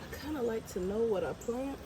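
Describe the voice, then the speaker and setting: With birds and outdoor ambience around her and some background noise, a congested woman talks a little fast in a fairly high voice. She's planting her garden and narrating a casual vlog, chatty and thinking aloud as she goes.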